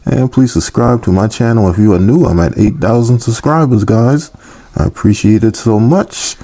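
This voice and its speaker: A man's voice: fairly low pitch, moderate pace, dark tone. A man hosting his own cooking channel, talking casually and teasing his viewers in a playful way. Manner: playful, teasing, petty humor.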